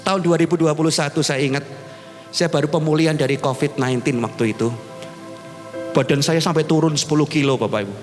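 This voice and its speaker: A male pastor preaching a sermon to his congregation, animated and addressing them directly. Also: fairly high pitch, fast. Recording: reverberant hall with music behind.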